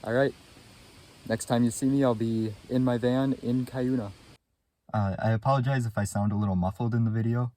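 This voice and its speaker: A man's voice: medium pitch, fairly even intonation, brisk, mellow, rough recording. A young man giving casual, laid-back vlog commentary in a plainspoken way as he looks for rocks. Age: young adult. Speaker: rock hunting vlogger. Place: outdoors in a yard and rock field, or inside a parked van. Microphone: phone at arm's length.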